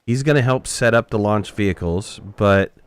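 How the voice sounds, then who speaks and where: A man with a slightly low voice chats casually through a live game stream. He jokes with his viewers and answers their chat messages as he plays. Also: normal speed, clear, resonant tone. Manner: chatty, joking, reads chat aloud.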